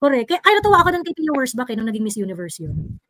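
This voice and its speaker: A woman host talks fast and chattily on an online panel. Her fairly high voice swings widely in pitch, and the sound is dry. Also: no room sound. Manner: lively, chatty, quick. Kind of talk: casual online discussion.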